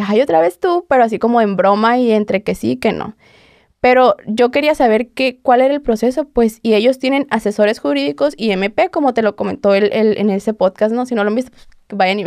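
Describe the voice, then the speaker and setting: A woman's voice: on the high side, a little mellow, no echo, clean studio sound. A young woman with a Mexican accent, a podcast guest telling her story casually with lots of fillers and acted-out quotes. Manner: conversational, heavy fillers, acts out quotes.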